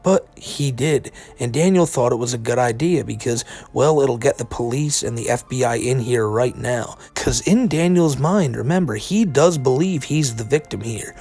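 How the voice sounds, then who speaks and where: A man's voice: mid-range voice, animated, moderate pace, few pauses, a little mellow, slightly rough, faint music behind. A man giving casual, incredulous commentary on internet drama, with a sardonic, informal way of talking and some casual swearing. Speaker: commentary video narrator.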